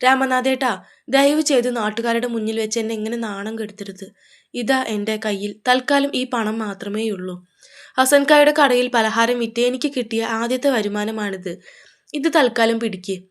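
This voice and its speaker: Woman as a desperate young wife and mother, trembling and tearful, slightly high voice. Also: moderate pace, darkish tone, close to an everyday voice. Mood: pleading. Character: struggling young mother, frightened and pleading.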